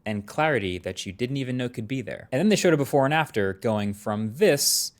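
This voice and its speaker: A man's voice: medium pitch, animated, a little fast. Conversational man presenting tech news. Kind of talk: conversational scripted tech commentary.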